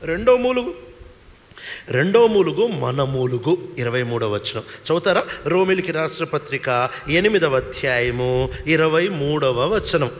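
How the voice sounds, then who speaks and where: A man's voice: fairly high pitch, expressive, a little slow, big-room sound. A man with a Telugu accent preaching a sermon as pastor, dramatically voicing creation's laments in shifting tones. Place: church hall.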